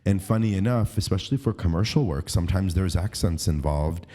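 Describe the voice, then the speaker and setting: Low, dark-voiced man co-hosting a podcast. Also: brisk. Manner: earnest and conversational, mimics casting directors' lines. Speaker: podcast co-host, actor. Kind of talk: casual conversational chat.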